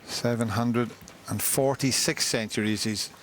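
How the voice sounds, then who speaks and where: A man's voice: medium pitch, fairly even intonation, measured pace, a bit bright, slight background noise. A man giving live snooker commentary as a broadcast commentator. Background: snooker arena crowd.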